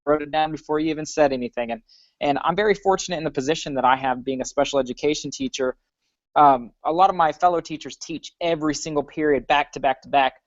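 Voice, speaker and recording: Halting man with a fairly high voice. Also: no room sound. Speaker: teacher guest. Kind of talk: casual livestream chat. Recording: dry, dull lo-fi audio.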